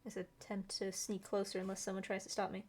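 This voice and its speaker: A woman taking part as a player in a tabletop game, speaking softly and quietly. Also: medium pitch, monotone, fast talker. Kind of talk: casual game chat.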